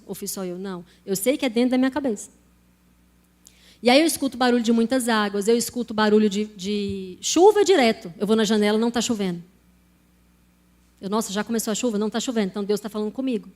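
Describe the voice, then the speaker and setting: This Brazilian woman preaches in Portuguese, sharing her personal testimony with the congregation in a conversational sermon and speaking straight to them. Her voice is fairly high and a little mellow.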